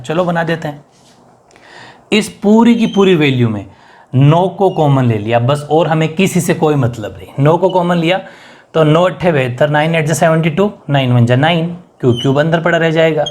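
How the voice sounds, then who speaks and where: A man's voice: a little high, a little mellow. A man teaching a maths lesson, mixing English terms into his speech and asking and answering his own questions.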